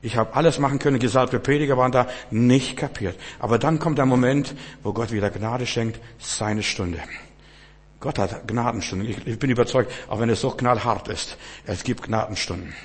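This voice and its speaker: A man preaching a sermon in church, swinging from hushed low passages to loud, fervent outbursts and often stammering restarts. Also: normal speed, husky. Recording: long church hall reverb.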